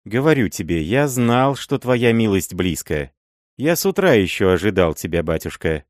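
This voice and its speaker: A man's voice: fairly low pitch, very animated, moderate pace, no room sound, clean studio sound. A man voicing a crafty, fawning old male miller and sorcerer who wheedles and scrapes in an audiobook. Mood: pleading.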